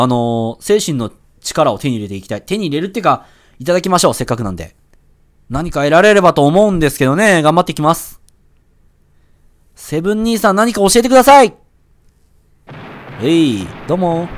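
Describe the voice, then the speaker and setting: Fast-talking male gamer, jumpy and loud over quiet game music. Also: on the high side. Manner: excitable, yelps and shouts at hits. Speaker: let's play gamer. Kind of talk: excited game commentary.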